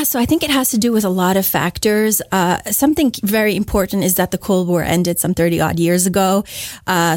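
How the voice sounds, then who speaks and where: A woman's voice: lowish voice, darkish tone, no echo. A woman from Slovakia, a radio studio guest and heritage expert, explaining at length in an interview with occasional fillers.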